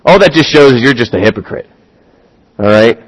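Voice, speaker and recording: A man's voice: mid-range voice, animated, brisk, husky, poor audio. A man preaching a sermon, talking through rhetorical questions and building to emphatic, rising points.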